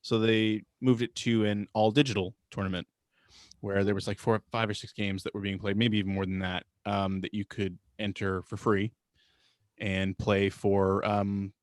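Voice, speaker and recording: A man's voice: on the low side, flat delivery, moderate pace, dry recording, studio quality. A man co-hosting a podcast, telling a rambling story in casual chat. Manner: rambling, many fillers and restarts. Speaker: podcast co-host.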